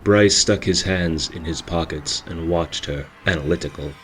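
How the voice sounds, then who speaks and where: A man giving a steady, measured storybook narration. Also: sits low, faint music behind.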